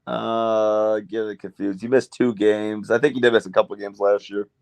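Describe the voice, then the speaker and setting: A young man co-hosting a casual sports podcast, blunt and excitable, with some swearing. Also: on the low side, moderate pace, creaky, dry recording. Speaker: podcast co-host.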